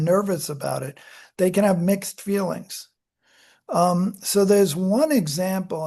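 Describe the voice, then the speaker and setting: A medium-pitched, warm voice belongs to a psychology lecturer covering child development for a class in a lecture room. The talk is conversational and self-correcting, with examples acted out.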